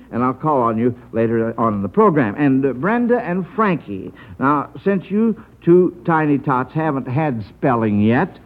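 A high-pitched American man hosts an old-time radio quiz show with jovial, folksy showmanship. The audio sounds dull and narrow, like a vintage broadcast.

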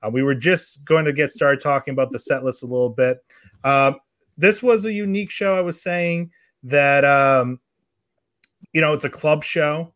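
A man's voice: fairly high pitch, normal speed, a bit bright, dry recording, clean studio sound. A man from New Hampshire hosting a casual live show, talking in an easygoing way with hesitant fillers. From New Hampshire, USA. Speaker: livestream host. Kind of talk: casual chat.

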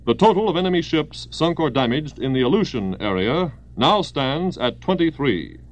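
Animated 1940s newsreel-style American radio newsman. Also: a little high, normal speed. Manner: formal, declamatory delivery of scripted news. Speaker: radio newscaster. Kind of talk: 1940s wartime radio news bulletin, old newsreel manner.

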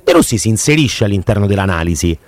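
A man's voice: fairly low pitch, expressive, fast, no room sound. A man hosting a casual football chat, analytical and hesitant, with many fillers.

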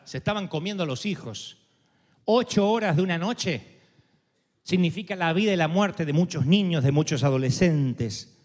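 High-voiced dramatic preaching man. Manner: dramatic, full of rhetorical questions. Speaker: pastor. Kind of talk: sermon. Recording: echoey hall.

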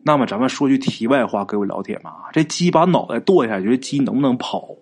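Husky chatty male storyteller. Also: medium pitch, expressive, fast. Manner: chatty, colloquial, addresses listeners directly. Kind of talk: folk ghost story narration.

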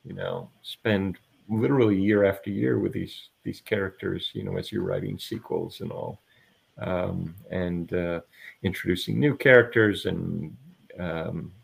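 Male author guest, lowish gravelly voice, reflective and halting, lots of fillers. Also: steady tone. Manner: hesitant, reflective, many fillers. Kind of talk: casual interview chat.

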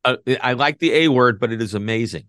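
A man's voice: mid-range voice, quick pace, a bit bright, no room sound, clean studio sound. A man hosting an interview, chatty and joking with his guest. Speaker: host. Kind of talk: casual interview talk.

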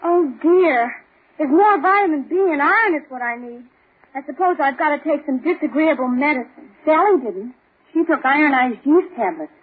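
A gushing, chatty young woman in an old radio commercial, with a high and bright voice. The sound is thin and tinny, like an old broadcast. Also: animated, normal speed.

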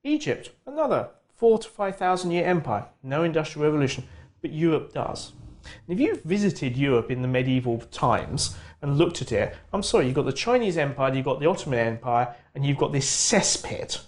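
A middle-aged man, a geography professor, explaining his field in lively lecturing bursts with quick restarts. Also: fairly high pitch. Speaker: geography professor, interview guest. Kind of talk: conversational expert explanation.

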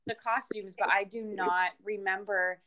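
A woman's voice: medium pitch, fairly even intonation, unhurried, crowd noise, low-quality recording. American woman in casual podcast banter. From Maine, USA. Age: adult, mother of young children. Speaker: podcast co-host. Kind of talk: casual chat.

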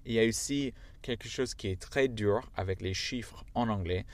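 A man's voice: fairly low pitch, moderate pace. A man whose first language is English, speaking French with an American accent, patiently teaching a language lesson step by step.

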